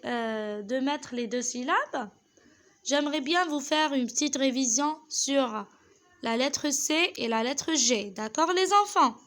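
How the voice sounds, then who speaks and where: A woman's voice: high voice, fairly bright tone. A woman teaching children French, patient and repeating each point, switching between French and Arabic. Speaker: primary school French teacher. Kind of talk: children's French lesson explained in Algerian Arabic.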